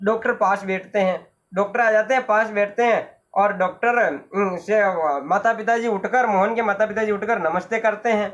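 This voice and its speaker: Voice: mid-range voice, steady tone, normal speed, fairly bright tone. A teacher talks a class through a play, narrating the story and explaining it in a chatty way with asides to the students. The recording is dull and lo-fi. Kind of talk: explaining a lesson while reading a play.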